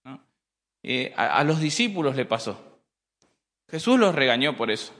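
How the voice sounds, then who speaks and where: A man preaching a sermon, addressing the congregation as brothers and often pausing on rhetorical questions. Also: medium pitch, very animated, a bit bright. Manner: repeats and restarts phrases while preaching. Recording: hall reverb.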